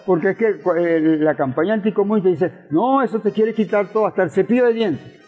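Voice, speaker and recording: With a high-pitched, brisk voice, this older Venezuelan-accented man, a professor turned politician and guest in a conversational interview, explains and recalls old times. He's emphatic and repeats himself often. The audio carries roomy reverb, a thin phone-like tone, and faint music.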